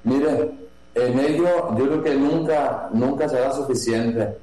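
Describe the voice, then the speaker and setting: A man from Jalisco, a priest who runs a seminary, answering interview questions slowly, with many pauses, fillers and restarts. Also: medium pitch, warm tone. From Mexico, Jalisco. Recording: echoey room with mains hum.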